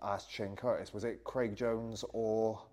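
A man chatting casually as an interview guest, informal and thinking out loud as he talks. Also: on the low side, flat delivery, a little slow. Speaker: grappler guest being interviewed. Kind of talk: casual chat.

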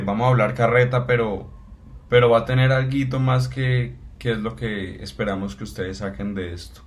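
An eighteen-year-old man from Cali with a Colombian accent, co-hosting a casual podcast intro with many fillers and restarts. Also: medium pitch. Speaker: podcast co-host.

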